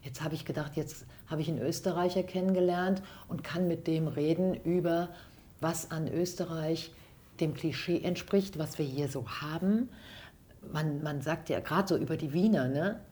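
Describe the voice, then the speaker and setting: Woman from hesse, podcast host, low-ish voice, chatty and curious, asks lots of quick questions. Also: mellow. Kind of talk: casual interview. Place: guest's home.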